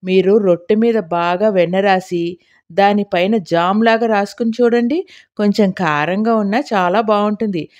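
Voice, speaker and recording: A courteous, earnest young man living abroad, voiced by a woman reading a story speaks gently and soothingly. The tone is mellow and low-key. He sounds eager to please. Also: moderate pace, muffled recording, lightly acted. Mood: polite, soothing. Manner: polite, soothing.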